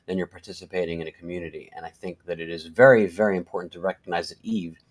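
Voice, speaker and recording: A man's voice: low voice, steady tone, fast talker. A man making an articulate, emphatic point in a casual panel discussion.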